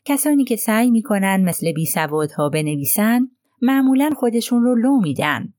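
A woman voicing a sharp-witted older male detective who asks measured, probing questions in an audiobook. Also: on the high side, very animated, no room sound, clean studio sound. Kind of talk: audiobook reading.

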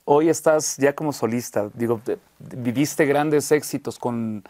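A male interview host with a medium-pitched voice leads a casual conversation. His sound is dry and close with no room echo, and he keeps things supportive with brief agreeing remarks. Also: a little slow, darkish tone. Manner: supportive, short affirmations.

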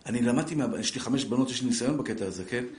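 A middle-aged man giving a live religious lesson, lively and joking, speaking straight to his listeners and acting out family scenes. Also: mid-range voice, a little hiss or hum. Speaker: Torah teacher. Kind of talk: live Torah lesson to an audience. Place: class room with a live audience. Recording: echoey room.

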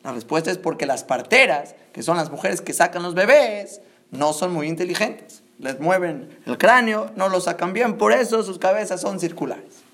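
A man teaching a lesson, retelling a Talmud story in a lively way and checking in with his listeners. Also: sits high, moderate pace. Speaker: religious teacher.

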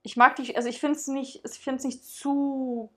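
A woman's voice: high voice, flat delivery, unhurried. A woman co-hosting a casual chat, chatty and restarting her sentences often. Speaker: podcast co-host.

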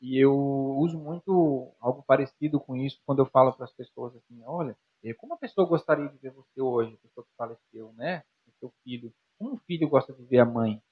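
A quick, husky-voiced Brazilian man in his role as a psychologist guest, talking with animated energy and firing rhetorical questions at the listener. His voice sits a little high for a man, and the audio comes through dull and lo-fi. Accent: Brazilian Portuguese. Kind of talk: conversational explaining with examples. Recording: dull lo-fi sound.

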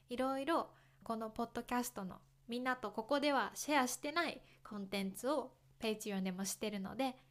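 A woman from Kyoto with a somewhat high voice hosts a podcast for Japanese learners. She speaks slowly and clearly, explaining gently with simple words and repeated examples. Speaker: podcast host teaching Japanese. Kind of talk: slow, clear talk for learners.

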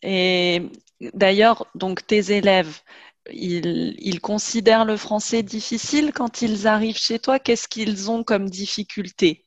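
A woman's voice: medium pitch, steady tone, slow pace, no echo. A woman hosting a casual interview chat, prompting her guest and finishing her sentences. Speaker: podcast host.

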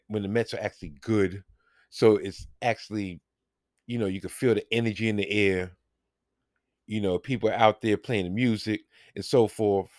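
Animated New man telling a story. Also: fairly low pitch, no echo, clean studio sound. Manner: animated, profane storytelling with acted-out dialogue. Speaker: podcast host. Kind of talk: casual storytelling.

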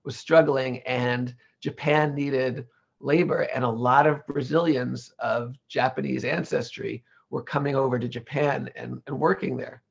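In a relaxed, conversational interview about his career, a legal English lecturer speaks thoughtfully, often restarting and correcting himself. His mid-range voice is creaky and slightly rough, and the recording sounds muffled.

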